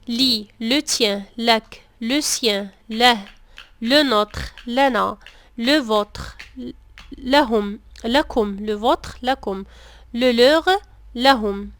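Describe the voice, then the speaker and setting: A woman teaching French grammar, saying each example phrase slowly and carefully, repeating it, then translating it. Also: a little high, fairly bright tone, no room sound. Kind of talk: slow, deliberate grammar lesson.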